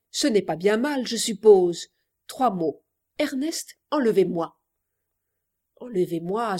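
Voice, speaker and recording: A woman's voice: mid-range voice, darkish tone. A woman voicing an impulsive seventeen-year-old girl who longs to elope, declaiming a theatrical verse monologue.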